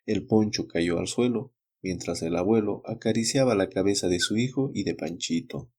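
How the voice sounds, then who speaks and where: A man narrates folk tales in a measured, slightly dramatic reading. His voice is lowish, husky and mellow. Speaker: reader of legends and tales. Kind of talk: storybook narration.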